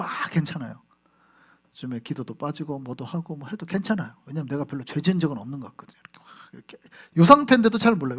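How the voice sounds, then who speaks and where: A male pastor preaching a sermon in an animated way, acting out little scenes and putting rhetorical questions to the congregation. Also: high-pitched.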